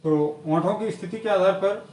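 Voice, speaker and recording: A man teaching an exam-prep grammar lesson, repeating each definition slowly and methodically. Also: high-pitched, darkish tone, reverberant, recorded from a distance. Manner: repetitive, drills definitions slowly.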